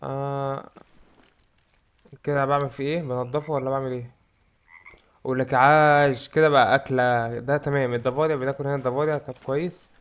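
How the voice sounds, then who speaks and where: Fast-talking Egyptian gamer. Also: male voice, medium pitch, smooth. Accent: Egyptian Arabic. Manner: excitable, jokes about his own fear. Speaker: gaming YouTuber. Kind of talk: let's play commentary.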